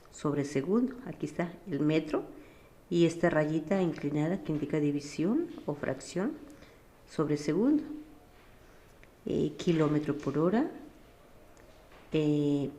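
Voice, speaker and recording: A woman teaches a physics lesson in a low, mellow voice. She explains each step patiently and keeps checking in with her students. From Mexico.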